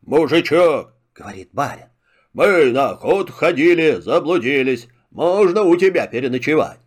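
A man's voice: a little high, animated, normal speed, husky. A man voicing an arrogant, greedy landowner who talks down to a peasant. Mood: condescending. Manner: haughty, condescending.

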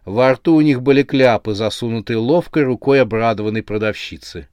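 A man reading a horror audiobook in a mid-pitched voice and lively storytelling. The recording is dry and close, without any room sound. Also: a little fast, no room sound. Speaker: narrator. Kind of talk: audiobook narration.

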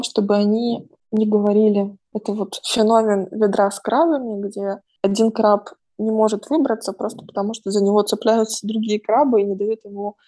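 Mellow and mid-range, this woman's voice belongs to a psychologist hosting a podcast from home. She talks in a casual, reflective way, thinking out loud and leaning on plenty of fillers.

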